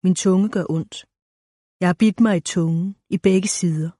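A woman reading a first-person story aloud in a calm, measured, intimate way. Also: lowish voice, no room sound, studio quality. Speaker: narrator. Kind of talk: first-person audiobook narration.

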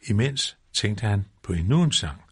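A man narrating a children's storybook aloud in a measured, rhythmic way. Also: on the low side, expressive, breathy edge.

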